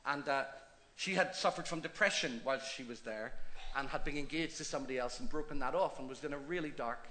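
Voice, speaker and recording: With a medium pitch and a slightly fast pace, a middle-aged Northern Irish pastor speaks with few pauses while telling his story on a church stage, interview and preaching combined. His tone is chatty, animated and self-deprecating, and there's a little hiss or hum.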